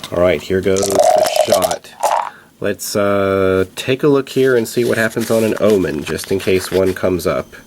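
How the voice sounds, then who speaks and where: A man hosting a tabletop board game playthrough, explaining the rules and thinking aloud about each move in a measured way. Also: low voice, background noise. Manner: measured, thinks aloud while checking moves.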